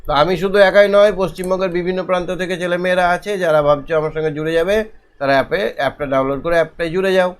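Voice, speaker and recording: Man teaching small children, somewhat high voice. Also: steady tone, clear, resonant tone. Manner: slow, deliberate, repeats questions for children. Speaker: primary school teacher, channel host. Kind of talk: online lesson for young children.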